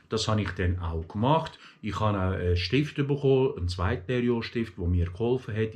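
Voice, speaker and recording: A middle-aged Swiss vlogger who grew up in Aargau chats casually to his followers in a mid-range voice with a Swiss German accent. His rambling monologue is full of stories, fillers and restarts, and he likes imitating other dialects.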